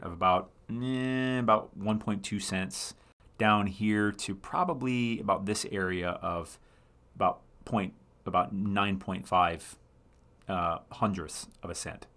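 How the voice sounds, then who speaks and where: A man with a fairly low voice hosts a relaxed live stream and talks through charts as he goes. He rambles and thinks aloud, stops to correct himself, and answers viewer comments along the way. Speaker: livestream host. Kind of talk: casual live chart analysis.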